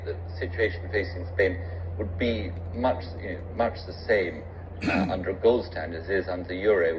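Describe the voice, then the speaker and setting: A man with a very low voice argues a point in a formal public discussion. He is measured and articulate, with some hesitation as he builds his case. The recording is muffled, with light background noise. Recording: dull, noisy recording with room ambience.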